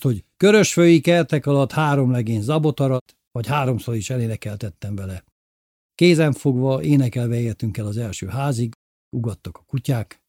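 A man reading a story aloud as narrator, in a measured storytelling manner. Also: mid-range voice, warm tone, no room sound, clean studio sound. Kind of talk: audiobook narration.

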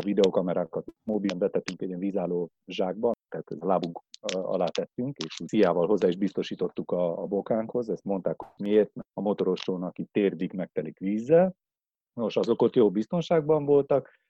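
Halting low-voiced man telling a travel tale. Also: dark tone, dry recording, lo-fi sound. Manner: hesitant, many filler sounds, halting restarts. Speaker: tour guide. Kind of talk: casual travel storytelling.

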